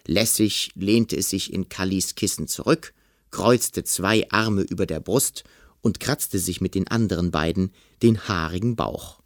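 A man reading a children's story aloud, expressive and acting out the scenes. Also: low-pitched, measured pace, dry recording, studio quality. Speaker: narrator.

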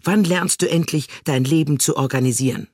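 A man voicing a grumbling, nagging male fairy companion in a children's storybook, gruff and scolding. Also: a little high, a little fast, darkish tone, no echo, studio quality. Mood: exasperated.

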